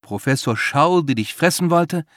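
A man voicing a teasing, cheerful young woman who chats in a bright, playful way. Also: a little high, animated, moderate pace, no echo, studio quality, pitched above the performer's own voice.

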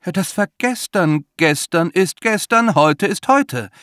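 A man voicing a pushy, insistent young male student in a shrill, demanding, theatrical way. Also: lively intonation, slow, a bit bright, dry recording, studio quality, full character voice.

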